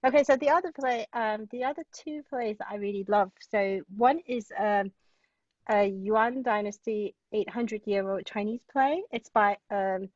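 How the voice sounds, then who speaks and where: Her voice is medium-pitched and a little slow as this guest playwright from Hong Kong eagerly discusses plays, drifting into digressions and sprinkling in "like" and "you know." It's a casual literary discussion. The recording has no room sound and comes across as distant, dull, and lo-fi.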